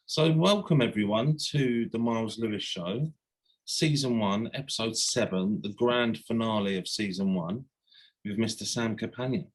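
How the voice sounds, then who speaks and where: A chatty man hosts a casual interview in a low, somewhat husky voice. He teases his guest and keeps things light and jokey. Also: normal speed, low-quality recording. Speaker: podcast host.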